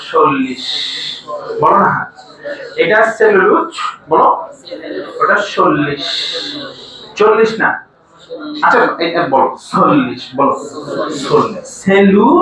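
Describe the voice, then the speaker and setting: A man teaching a biology class, often asking his students to repeat answers back to him. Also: high voice. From Bangladesh. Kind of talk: classroom lecture. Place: large classroom. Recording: echoey room from far off, noisy.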